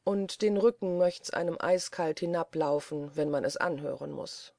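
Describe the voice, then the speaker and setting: Sly old manservant, dry and calm, mellow tone, dry sound, read by the narrator. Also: medium pitch, moderate pace, vocal fry, no room sound, natural voice. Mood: bitter. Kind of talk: audiobook character voice.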